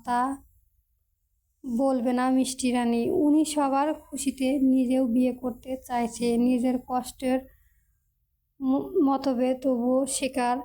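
A woman's voice: high-pitched, little pitch movement, slow pace, long pauses, mellow. A woman voicing an angry, domineering young man who scolds curtly in a storybook reading. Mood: bitter. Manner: curt, scolding.

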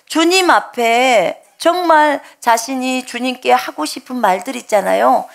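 A woman's voice: high voice, a little slow, creaky. A woman pastor from the Jeolla region giving an earnest sermon, telling her own story and acting out her prayers aloud. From Jeolla, Korea.

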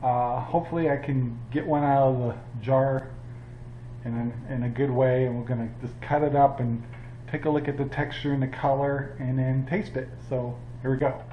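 An older man hosting a casual home cooking demonstration, speaking in an easygoing, halting way with chuckles, recorded in a home kitchen on a camera mic. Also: mid-range voice, steady tone, slight background noise. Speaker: cooking channel host. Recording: roomy, slightly dull home audio.

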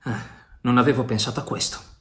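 A man's voice: medium pitch, steady tone, fast, close to an everyday voice. Brash pirate comrade, voiced by a male reader, raised voice, urgent, storybook. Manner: urgent, shouting commands. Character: bold brash male pirate adventurer, teasing and loyal.

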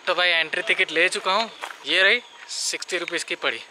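A chatty young travel vlogger talks casually to a handheld camera held at arm's length, calling viewers "bhai" and mixing in English phrases. He's outdoors on rainy streets and forest paths, with street noise in the background. His voice sits high and moves a little fast.

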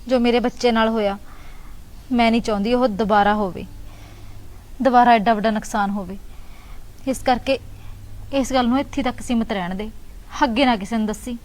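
A woman's voice: on the high side, fairly even intonation, moderate pace, pauses often, lightly acted, poor audio. A woman playing a secretive, pleading young wife. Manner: pleading, hushed, guarded. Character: young married woman, secretive, anxious, pregnant bhabhi. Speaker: actress. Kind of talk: Punjabi web drama acting.

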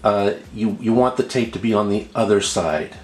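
This how-to host has a lowish male voice and a moderate pace, with faint music playing behind him. He works at a table indoors, patiently narrating an unscripted tutorial step by step and going back over points as he goes, all captured in an echoing, roomy recording.

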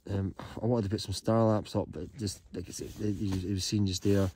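Guy in his 30s lying in a tent at night, chill rambly vlog talk, lots of ums, mellow voice, bit of faint hiss. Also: lowish voice, brisk. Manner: relaxed, rambling, many ums. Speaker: hiking vlogger. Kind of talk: casual vlog talk to camera. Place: inside a small tent on a mountain at night. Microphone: camera held close while lying down.

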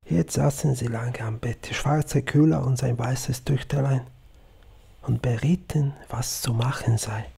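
A man narrating an audiobook story in a calm, measured way. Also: mid-range voice, vocal fry, husky.

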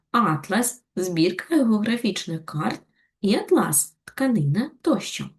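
A woman with a Ukrainian accent giving a recorded lesson to young schoolchildren, explaining patiently and clearly. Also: mid-range voice, a little mellow. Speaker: primary school teacher. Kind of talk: recorded video lesson for children.

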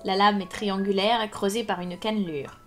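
A cold male ex-inspector who speaks dryly and hard, with menacing precision and a low, level delivery, voiced by a woman reading a novel aloud. Faint music plays under the reading. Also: fairly even intonation, normal speed, a bit bright, natural voice. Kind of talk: live audiobook reading.

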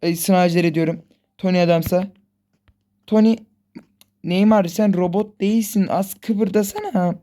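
A woman's voice: fairly low pitch, steady tone, unhurried, long pauses, warm tone. A woman hosting a gaming channel, giving live commentary on her own football match and pleading with and scolding her players aloud.

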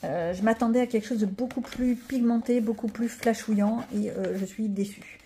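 Lady rambling about her coloring pages, kinda high voice, lots of asides. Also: normal speed, mellow, a little hiss or hum. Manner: chatty, rambling, lots of filler and asides to viewers. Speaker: coloring vlogger. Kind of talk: casual chat showing coloring pages.

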